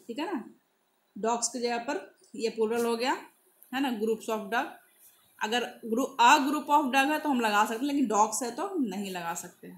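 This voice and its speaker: Lady teacher going over grammar rules, kinda high voice, slows right down on examples. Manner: reads English examples slowly, repeats "है ना" often. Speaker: English teacher. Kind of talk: explaining grammar in Hindi.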